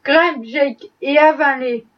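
A woman reading the part of a bossy, bustling cook who gives brisk orders. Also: high-pitched. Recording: dull, distant-sounding audiobook recording.

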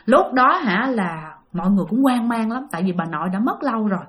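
A woman's voice: a little high, fast. Woman telling a ghost story. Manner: animated retelling with acted quotes. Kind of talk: spoken ghost story narration.

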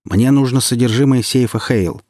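A man in an audiobook voices a menacing middle-aged villain, curt and barking, in a sinister mood. His voice is medium-pitched and a little mellow at a normal speed, pitched above his own natural voice and lightly acted, captured in a dry, studio-quality recording.

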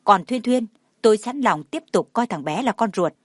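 A woman voicing a reserved father who speaks in a calm, clipped way. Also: mid-range voice, moderate pace, no room sound, studio quality, close to an everyday voice. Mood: cool. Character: reserved father, cool and curt.

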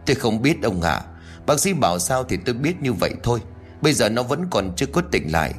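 A man's voice: medium pitch, big pitch swings, fast, soft background music, close to an everyday voice. A man voicing a worried older village woman who grumbles anxiously. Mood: fretful.

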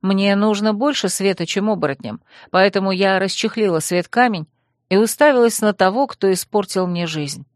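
A woman reading a first-person fantasy novel aloud in an even storytelling manner. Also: mid-range voice, normal speed, dry recording, studio quality. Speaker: audiobook narrator. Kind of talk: scripted first-person narration.

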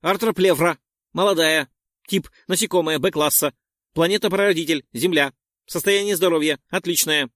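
A man's voice: a little high, normal speed, fairly bright tone, no room sound, clean studio sound, pitched above the performer's own voice, lightly acted. A man voicing a scanner system that announces data in clipped phrases. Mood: detached. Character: scanner system, detached and informational.

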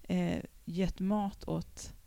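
A woman's voice: lowish voice, steady tone, gravelly, warm tone, dry recording. A woman hosting a casual theology podcast, talking in a friendly, conversational way. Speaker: podcast host.

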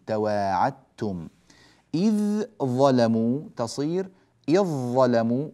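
A man teaching a recitation lesson, patiently explaining rules and chanting verse examples slowly. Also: mid-range voice, dark tone. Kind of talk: tajweed lesson.

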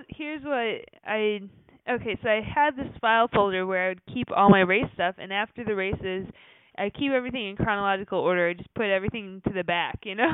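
A woman's voice: mid-range voice, clear, resonant tone, no room sound. A young woman co-hosting a podcast, chatting casually with fillers and frequent laughs. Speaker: podcast co-host. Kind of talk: casual chat. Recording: tinny phone-like sound.

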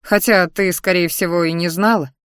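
A woman's voice: on the low side, fairly even intonation, moderate pace, clear, resonant tone, no echo, natural voice. Woman reading young man, nervous suitor, hesitant, earnest, storybook, dry sound.

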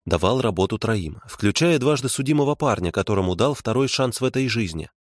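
A man voicing a calm, cutting woman investigator. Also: on the low side, a little fast, dry recording, clean studio sound. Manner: calm, pointed, soft.

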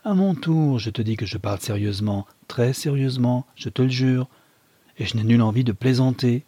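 A man's voice: normal speed, mellow, breathy edge, no echo, lightly acted. A man voicing an unhappy young wife who pleads earnestly with her husband in a read novel. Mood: pleading. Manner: earnest, rising in pitch when pressed.

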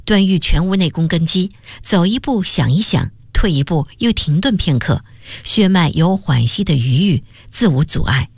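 A woman reads a novel aloud for radio, her measured storytelling rising and falling through a lively melody. Her voice sits a little low, and the studio sound is close and dry. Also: breathy edge, dry recording.

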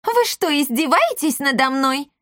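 A woman voicing a scornful matchmaker who mocks the bride's family and hurries off, in a high drawn-out voice. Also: sing-song, a bit bright, no echo, clean studio sound, exaggerated voice. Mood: mocking. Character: shrill matchmaker woman, mocking and quick to flee.

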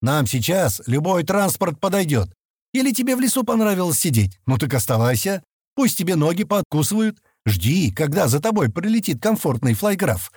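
A man's voice: on the high side, sing-song, normal speed, a little mellow, husky, dry recording, clean studio sound, pitched above the performer's own voice. A man reading an audiobook, voicing an impatient young man who grumbles and scolds his companions. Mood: grumbling. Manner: grumbling, exasperated.

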